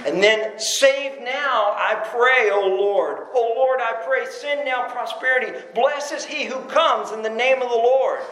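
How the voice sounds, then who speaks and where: A man preaching a sermon as pastor, animated, dropping his voice low for emphasis and acting out the crowd's cries, recorded in a church sanctuary. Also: measured pace, few pauses, roomy sound, rough recording.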